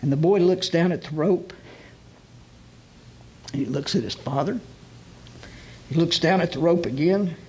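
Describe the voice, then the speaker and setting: A man preaching as a guest rabbi, retelling a scene vividly and slowing down to stress key phrases. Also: a little high, darkish tone, slightly rough. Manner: vivid retelling, drops to slow emphatic phrases. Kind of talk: storytelling sermon.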